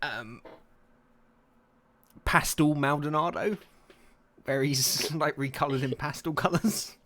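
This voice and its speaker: A man's voice: a little high, takes it slowly, fairly bright tone. A man hosting a casual racing podcast, laid-back and teasing, laughing often. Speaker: podcast host.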